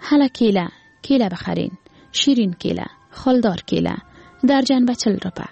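A woman's voice: fairly high pitch, animated, creaky, darkish tone, husky, no echo, dull audio, soft background music, exaggerated voice. A woman voicing a poor, proud old man who sells bananas from a cart, speaking plain street talk with an Afghan Dari accent. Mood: calling out. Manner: calls out wares and bargains in plain street talk.

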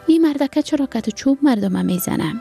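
Woman doing a pleading little Afghan girl, high and eager, gravelly. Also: animated, dark tone, soft background music. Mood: questioning. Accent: Afghan Dari. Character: small hungry girl, curious and pleading.

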